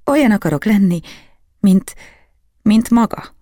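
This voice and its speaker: A man voicing a small boy who speaks in halting, pleading phrases in an audiobook. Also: high voice, lively intonation, mellow, no room sound, studio quality, voice pushed up. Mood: earnest. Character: small boy, eager and timid.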